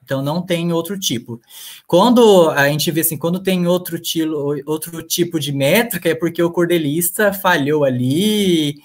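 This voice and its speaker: A man's voice: fairly high pitch, moderate pace. A male literature professor giving a live online lecture over a computer mic, hesitant and full of fillers and restarts.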